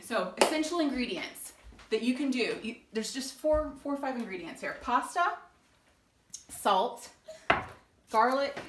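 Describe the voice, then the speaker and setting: Filmed by her husband in their old English house's kitchen, this alumna from Texas, in her forties, tells her story in a relaxed home video with frequent ums and laughter. Her voice is a little high, with reverb and a noisy background.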